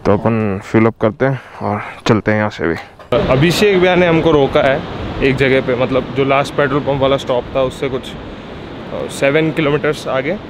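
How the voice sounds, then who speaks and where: A young man vlogging casually outdoors on a mountain trip, chatty and excitable as he talks to his viewers. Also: medium pitch, normal speed, noisy background. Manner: chatty, excitable, often laughing along. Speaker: travel vlogger. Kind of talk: casual on-the-go vlog chat. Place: outdoors by a mountain river and waterfall. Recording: outdoor vlog with loud river rush.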